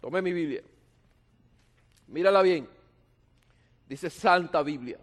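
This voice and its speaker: Man preaching, high voice, humorous storyteller, long hall reverb. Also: slow pace. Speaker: pastor. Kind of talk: sermon.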